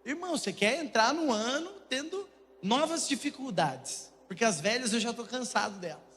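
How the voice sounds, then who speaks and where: A young man with a Brazilian Portuguese accent, preaching a humorous sermon and telling jokey, animated stories to a congregation in a church. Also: very high voice, moderate pace. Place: church auditorium. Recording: long church hall reverb, faint noise.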